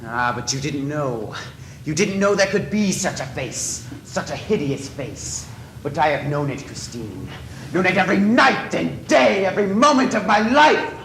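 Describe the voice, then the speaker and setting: A man playing a disfigured masked man, obsessive and possessive, in a stage play, swinging from soft pleading to shouting rage. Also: mid-range voice, animated, measured pace, lightly acted. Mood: anguished, raging. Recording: echoey stage from a distance, faint noise.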